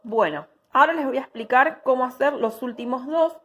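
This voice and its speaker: A woman's voice: high-pitched, fairly quick, fairly bright tone, breathy edge. A woman, giving a patient step-by-step technical drawing lesson and checking in with her students after each step.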